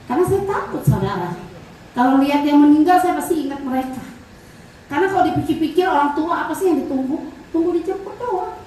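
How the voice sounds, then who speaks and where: A woman with a high voice and quick pace gives a conversational church testimony, telling family stories in a lively way, acting out family dialogues and repeatedly speaking straight to the congregation. It's recorded in a large, very echoey church hall from a distant mic, with faint noise.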